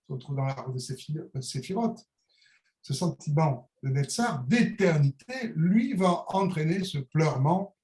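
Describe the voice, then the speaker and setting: A middle-aged man with a Niçois French accent reflects aloud, feeling his way through each idea with pauses, fillers and restarts. His voice sits a little high for a man. The room around him is echoey. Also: dark tone. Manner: searching, hesitant, philosophical, with many fillers and restarts. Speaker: calligrapher, interview guest. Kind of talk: reflective conversational monologue.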